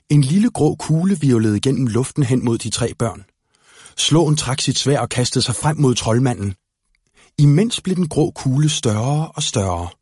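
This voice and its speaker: Man narrating a children's storybook, husky, dry close mic. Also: medium pitch, a little mellow, no room sound. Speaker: audiobook narrator.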